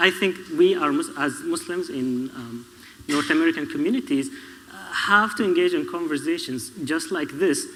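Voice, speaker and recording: A man from Syria speaking on a public panel, halting, with many fillers and restarts. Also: a little high. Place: public event hall. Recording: reverberant hall.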